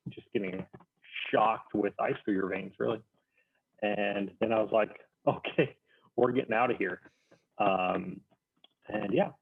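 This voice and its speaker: A man telling a casual, self-deprecating story among friends in a halting, wry manner. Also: fairly low pitch, a little hiss or hum. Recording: thin phone-like call, muffled.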